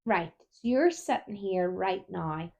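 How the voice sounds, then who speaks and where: A woman's voice: lowish voice, expressive, slow, gravelly, a little mellow. A woman, co-hosting a casual chat show and telling stories while yawning often. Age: 30s. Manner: chatty storyteller, keeps yawning. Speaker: podcast co-host.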